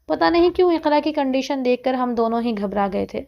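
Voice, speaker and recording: A woman reading a first-person story aloud in a steady, conversational way. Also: sits high, creaky. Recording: dull lo-fi recording.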